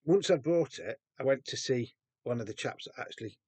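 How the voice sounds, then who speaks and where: A man's voice: mid-range voice, animated, brisk, a little mellow, slightly rough, no echo. Chatty man, dry close sound. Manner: chatty, rambling, with frequent ums and restarts. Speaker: record collector. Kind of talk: casual show-and-tell.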